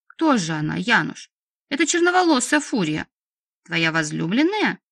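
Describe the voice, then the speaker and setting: A woman's voice: medium pitch, sing-song, normal speed, vocal fry, a bit bright, no echo, clean studio sound, heavily acted. A woman reading an audiobook, voicing a passionate, bitter young female vampire who talks in a heated, impulsive, mocking way.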